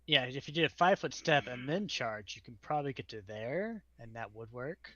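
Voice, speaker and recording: A man's voice: mid-range voice, animated, fairly quick, muffled recording, crowd noise. A man playing in a tabletop game, casually questioning and debating the rules. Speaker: player.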